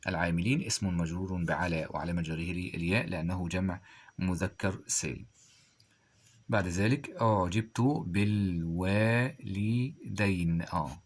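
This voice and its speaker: Low-voiced man teaching grammar. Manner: poses quiz questions and answers them himself; reads example sentences slowly. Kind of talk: grammar lesson explanation.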